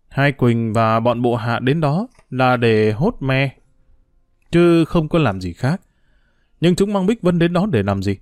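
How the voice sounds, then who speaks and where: A male narrator reads a story in a steady, measured voice. His tone is warm and mellow, and the recording is dry and close with no room sound. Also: medium pitch, no echo. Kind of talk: audiobook story reading.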